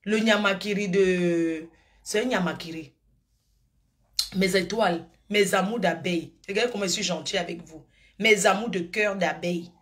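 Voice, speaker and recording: A woman's voice: mid-range voice, moderate pace. Middle-aged woman streamer, gushing and rambling, drifting between affectionate asides and gossip. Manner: effusive, calls viewers endearments, drifts between topics. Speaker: live streamer. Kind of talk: rambling live-stream chat.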